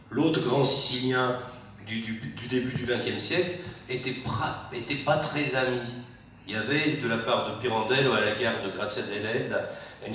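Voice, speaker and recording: A man speaks at a public book talk, recorded from across a very echoey hall. He talks haltingly, restarting phrases as he goes, with faint room noise underneath. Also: mid-range voice, fairly bright tone, recorded from a distance. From France. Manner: hesitant, many restarts. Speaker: literary translator. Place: meeting hall.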